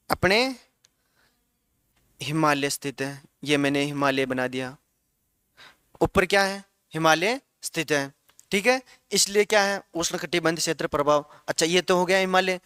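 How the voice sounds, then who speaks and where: High, bright-voiced male teacher. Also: a little slow, pauses often, clean tone, no echo, clean studio sound. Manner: asks the class questions and repeats answers. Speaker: geography teacher. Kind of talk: classroom lecture.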